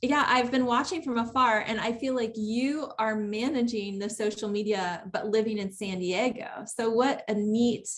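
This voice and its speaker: A woman's voice: fairly high pitch, steady tone, normal speed, few pauses. A woman hosting a casual interview, asking rambling, enthusiastic questions. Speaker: host.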